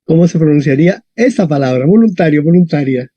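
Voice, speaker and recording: A man teaching a classroom lesson, talking in a lively way and often adding tag questions. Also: fairly high pitch, quick pace, dry recording. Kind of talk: classroom lesson on Latin stress. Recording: dull, dry lo-fi sound.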